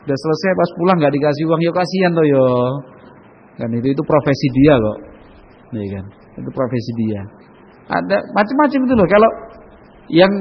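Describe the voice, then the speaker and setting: A man's voice: sits high, husky. A man giving a casual religious talk, chatty and often asking listeners to agree. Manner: chatty, asks the audience for agreement, slips into Javanese. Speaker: Islamic preacher. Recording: dull lo-fi sound with long hall reverb.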